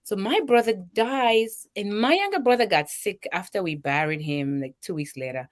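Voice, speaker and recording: Speaking at a moderate pace in a medium pitch, this middle-aged charity founder from Zambia recounts her personal story. Her Zambian accent carries an emotional, lively delivery as she voices the words of people she met.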